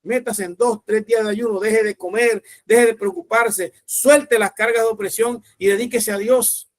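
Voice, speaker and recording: A pastor preaching with a notably high voice. He speaks emphatically and with command, urging his listeners on. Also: fairly even intonation, moderate pace, no room sound, clean studio sound. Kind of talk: sermon.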